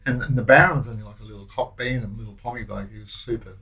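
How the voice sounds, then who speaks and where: A man's voice: lowish voice, fairly even intonation, racing, sharp tone, low-quality recording. Rambling older Australian man. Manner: rambling, broken anecdotes with many restarts. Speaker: guest, former prison officer. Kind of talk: casual recollection.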